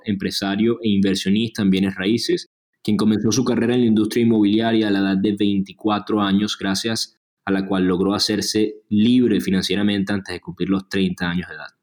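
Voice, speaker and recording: A man's voice: on the low side, darkish tone. A man hosting a podcast, reading a formal introduction of his guest and asking questions. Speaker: podcast host. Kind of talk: scripted introduction and interview questions.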